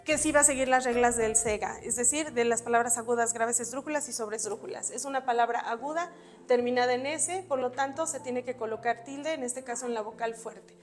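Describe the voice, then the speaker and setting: With faint music behind her, a woman teaches spelling for an exam, writing on a board while she patiently explains each rule and gives examples. She speaks briskly in a fairly high voice.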